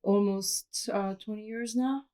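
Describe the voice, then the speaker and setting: A woman's voice: medium pitch, steady tone, measured pace, a crowd in the background. A woman from Switzerland, a guest in an interview, explaining her story in an open, matter-of-fact way. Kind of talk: candid personal interview.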